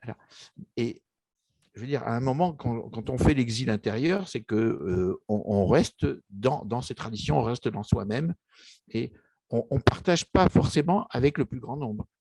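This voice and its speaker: An author from Egypt, an older man, is casually interviewed about his book and shares personal memories, hesitating often with restarts and fillers. His mid-range voice moves at normal speed, a little mellow and slightly rough. No room sound comes through.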